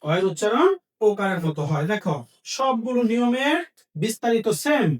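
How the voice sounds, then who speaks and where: A man's voice: extremely high pitch, sing-song, normal speed, far from the mic. A man teaching a language lesson, asking questions and then answering them himself, repeating each key point. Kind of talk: Bengali grammar lesson.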